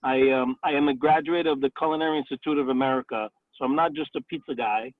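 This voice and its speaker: A man's voice: medium pitch, fairly even intonation, fast talker, no room sound. Man on a tinny phone line, chatty. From Italy, raised in the Bronx, New York. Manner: chatty, many fillers like "um" and "you know". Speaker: restaurant owner and chef. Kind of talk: career interview over a call.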